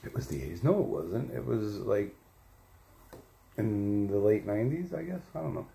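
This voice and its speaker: A man's voice: on the low side, lively intonation, normal speed, vocal fry, warm tone. A man hosting a livestream, telling crude, profane, rambling stories and correcting his own details as he goes. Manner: self-correcting, second-guesses details. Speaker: livestream host. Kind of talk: casual storytelling monologue. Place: home livestream setup.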